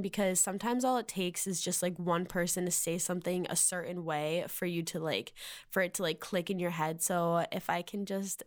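A young woman in her twenties with a Valley Girl accent, hosting a casual solo podcast, rambling and filling her talk with "like". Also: on the low side. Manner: rambling, heavy use of "like" fillers. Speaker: podcast host.

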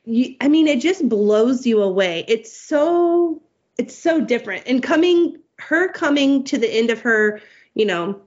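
A woman's voice: a little high, expressive, unhurried. A woman in her forties, a homeschooling mother, talking casually in an interview, rambling and cutting herself off with easy laughs. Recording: muffled lo-fi audio.

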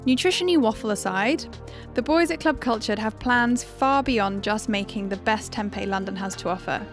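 A woman's voice: mid-range voice, normal speed, faint music behind. A woman podcast host reading a scripted introduction.

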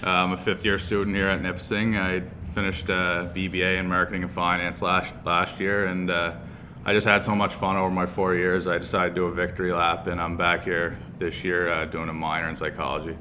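A man's voice: low voice, flat delivery, a little fast, pushed and bright, slight background noise. A man, answering interview questions casually as a student athlete. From Cape Breton, Nova Scotia. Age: 20s. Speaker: interview guest, university hockey player.

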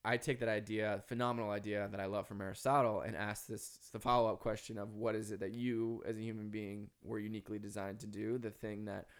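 A man's voice: on the low side, little pitch movement, a little fast, hardly any pauses, smooth. A man with a Minnesota accent speaking earnestly and reflectively as an author guest in a podcast conversation. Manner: earnest, philosophical, emphatic.

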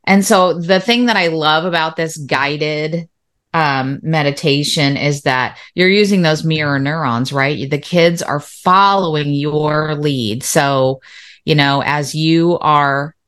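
A woman teacher co-hosting a podcast, talking thoughtfully in a casual chat. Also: deep voice. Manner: thoughtful, with fillers and restarts, warm agreement.

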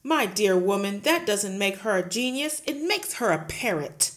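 A woman voicing a huge, bullying headmistress who shouts, barks and sneers at everyone. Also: mid-range voice, expressive, normal speed, pitched above the performer's own voice, lightly acted. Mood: blustering. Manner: shouting, barking, scornful.

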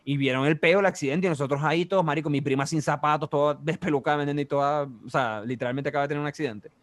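Fast-talking Venezuelan young man. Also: a little high. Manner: animated, with vivid sound effects and constant slang fillers. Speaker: storyteller. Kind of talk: casual chat.

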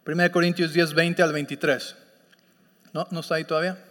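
A man's voice: fairly high pitch, little pitch movement, fast, a bit bright, in a large hall. A man preaching a sermon as pastor, teaching and often checking in with his listeners. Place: church sanctuary.

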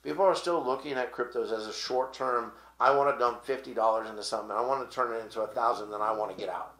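Talk show host, man, bright voice, rambling explainer, echoey room. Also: mid-range voice, quick pace. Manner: rambling, explains with fillers and restarts. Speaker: podcast host. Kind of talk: casual crypto talk show chat.

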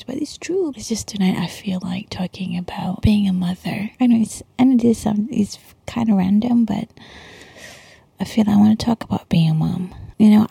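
A Malaysian woman speaks in a very breathy, whispery hush with a crackly edge. She chats casually like a late-night podcaster confiding in listeners, slipping in Malay slang. The sound is close and dry. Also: medium pitch, no echo. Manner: hushed, chatty, peppered with Malay slang and "lah". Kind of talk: casual confessional monologue, mostly whispered. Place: quiet bedroom at home at night.

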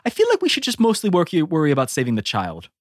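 Animated man chatting at a game table. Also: on the high side, quick pace, no echo, clean studio sound. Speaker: tabletop player. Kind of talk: casual gaming chat.

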